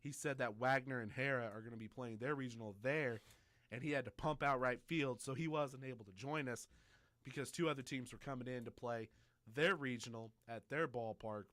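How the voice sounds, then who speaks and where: A man hosting a high school sports talk show, chatty and joking with fillers. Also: fairly quick, a bit bright, dry recording. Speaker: sports radio host.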